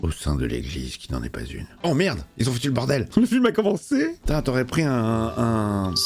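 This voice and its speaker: A man's voice: medium pitch, wildly swooping pitch, brisk, darkish tone, husky. A man hosting a casual film watch-along, mocking the movie with crude jokes and frequent laughter. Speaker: host commenting on a film.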